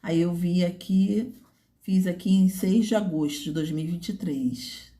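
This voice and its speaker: A woman teacher from Brazil talks, explaining step by step and checking in with her listeners often. Her voice sits a little low and sounds warm and mellow. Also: unhurried. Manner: didactic, checks in with "tá?" and "né?". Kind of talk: explaining a student's portfolio.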